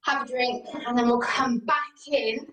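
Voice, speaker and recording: A woman with a fairly high voice instructs an exercise class over a video call. Her manner is informal and encouraging. She sounds some distance from the microphone in a very roomy space. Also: steady tone, moderate pace, a bit bright, slight background noise. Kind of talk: leading an online group exercise class. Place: indoor room, video call. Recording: roomy echo, far from the mic.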